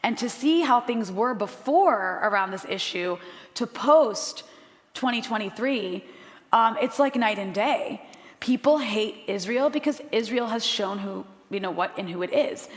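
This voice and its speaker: An American woman journalist speaks on a live panel before an audience, passionate and blunt, with frequent "um" fillers. Her voice is a little high and animated, a little slow, with a big-room sound.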